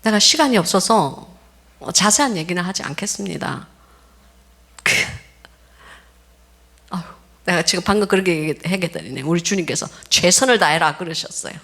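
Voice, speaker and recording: A woman pastor preaching a sermon, telling stories in an animated way and acting out the voices of the people in them. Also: lowish voice, moderate pace, gravelly, pauses often, husky. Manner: animated storytelling, laughs often, acts out quoted voices.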